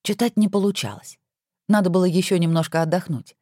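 A woman narrating an audiobook with wry, expressive storytelling. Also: on the low side, a little fast, no echo, clean studio sound.

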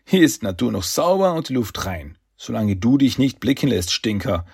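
A man's voice: mid-range voice, big pitch swings, moderate pace, gravelly, darkish tone, slightly rough, no room sound, clean studio sound, heavily acted. A man voicing a cocky young male turtle hero in a storybook reading, teasing and upbeat. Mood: mocking.

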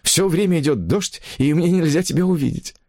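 A man's voice: fairly high pitch, brisk, darkish tone, no echo, clean studio sound, pitched above the performer's own voice. A man voicing a desperate, lovesick married woman who pleads and reproaches, in an audiobook story.

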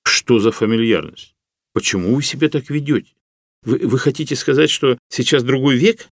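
A man's voice: mid-range voice, normal speed, no echo, studio quality, voice pushed up, natural voice. A man voicing a rigid, indignant Soviet party delegate with an officious, bureaucratic way of speaking.

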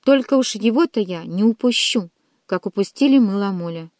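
A calculating queen mother from a storybook lays out her threats slowly and evenly, as a woman narrator reads her. The voice sits at an ordinary middle pitch. The recording is dry and close. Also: expressive, a little mellow, dry recording, close to an everyday voice. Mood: cold menace. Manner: measured and threatening. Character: cold, scheming older queen mother.

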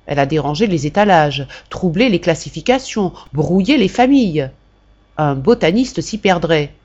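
A woman reading a classic novel aloud for a volunteer audiobook, in a measured, expressive first-person narration. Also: fairly low pitch, slightly rough, lo-fi sound.

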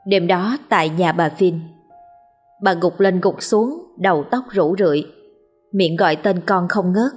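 A woman narrating a horror story in a steady, grave manner. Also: on the low side.

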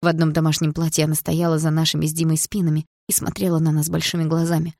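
A woman narrating a novel in the first person, reading in a steady, even storytelling manner. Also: deep voice, quick pace, vocal fry, no echo, clean studio sound. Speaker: audiobook narrator.

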